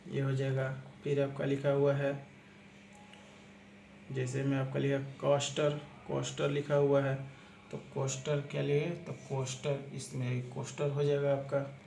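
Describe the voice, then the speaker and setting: In a mid-range, somewhat dark voice, a man works through a shorthand lesson one step at a time, often repeating himself, spelling words out letter by letter, and saying "aapka" again and again. The lesson moves through examples, recorded in an echoey room with noticeable background noise.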